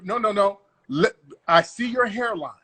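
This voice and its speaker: Here the live-stream host takes a measured pace, his high voice bright and forceful, while he belligerently interrogates callers. The comedy bit stays confrontational, full of profanity and repetition.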